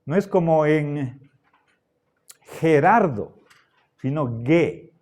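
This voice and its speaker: A middle-aged man gives a classroom lecture, his voice sitting a little high. He talks very slowly and patiently. He keeps pausing to check that the students are following. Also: expressive, a little mellow. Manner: slow, patient, checks in with frequent "¿sí?" and "¿ya?". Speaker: philosophy teacher.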